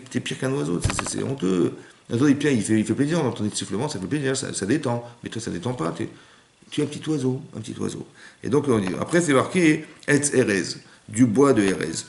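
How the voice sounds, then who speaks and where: A man teaches a Torah class from his home, talking quickly and driving his points home with rhetorical questions. His voice sits at an ordinary middle pitch. The room around him rings with echo. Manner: emphatic, rhetorical, addresses listener directly. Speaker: rabbi giving a Torah class.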